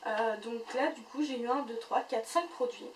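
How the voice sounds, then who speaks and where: A woman's voice: fairly high pitch, normal speed, echoey room. A woman chatting casually as she unboxes and reviews beauty boxes, full of fillers and restarts. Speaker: beauty vlogger. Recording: voice a bit far from the mic, faint noise.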